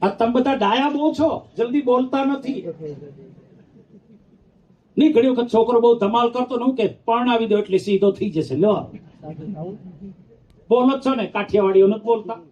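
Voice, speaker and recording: Playful high-voiced monk telling stories. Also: male voice, moderate pace, pauses often, darkish tone. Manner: playful, acts out the characters, teases the audience. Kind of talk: storytelling sermon. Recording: dull lo-fi sound.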